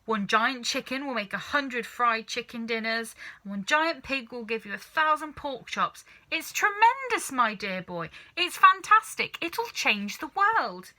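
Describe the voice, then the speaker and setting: An excitable farmer dad from a children's storybook, acted out by a woman. He exclaims with manic urgency and stretches key words. The voice is very bright and forceful, leaping up and down in pitch. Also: heavily acted. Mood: exhilarated. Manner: exclaiming, urgent, swooping emphasis with drawn-out words. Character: manic, excitable middle-aged father, a farmer dreaming of riches. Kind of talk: children's storybook character reading.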